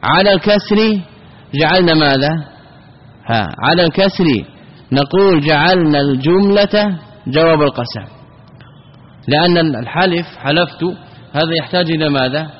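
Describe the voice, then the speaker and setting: A man's voice: fairly high pitch, normal speed, long pauses, a little hiss or hum. Man teaching grammar in an echoing hall. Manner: explanatory, poses questions then answers them. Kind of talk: classical grammar lesson. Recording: dull, lo-fi, with long reverb.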